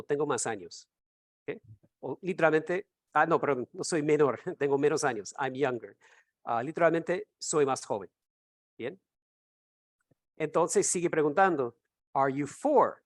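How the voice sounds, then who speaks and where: A man teaching an English class over a video call, explaining slowly and repeating words for students to echo. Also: mid-range voice, clean studio sound.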